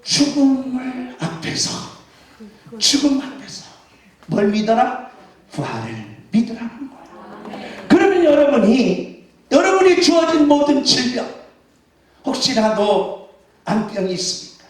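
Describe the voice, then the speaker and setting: A man, a pastor, preaching an Easter sermon with emphasis, questioning the congregation and shouting exclamations. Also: very high-pitched, lively intonation, a little slow, pauses often. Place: church sanctuary. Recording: echoey church hall from far off.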